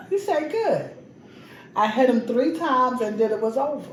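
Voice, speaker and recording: Animated woman telling stories, echoey room. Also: fairly high pitch, measured pace. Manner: animated storyteller acting out dialogue. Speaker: co-host. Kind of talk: casual storytelling chat. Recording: echoey kitchen with noise.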